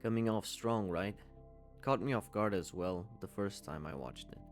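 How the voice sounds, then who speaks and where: A man's voice: on the low side, normal speed, soft background music. A man in his twenties giving a candid, conversational commentary voice-over and swearing casually. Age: 20s. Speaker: YouTube commentator.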